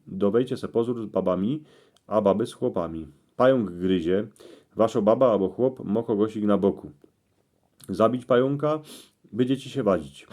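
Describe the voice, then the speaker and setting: Dark-voiced man with a Cieszyn Silesian accent. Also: fairly low pitch. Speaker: presenter explaining dream meanings. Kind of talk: reading out dream interpretations in dialect.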